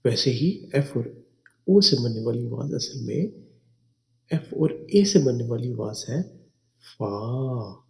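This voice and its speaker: A man teaching English words slowly, spelling each one letter by letter and repeating it. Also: mid-range voice, lively intonation, creaky. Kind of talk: slow spelling and pronunciation lesson.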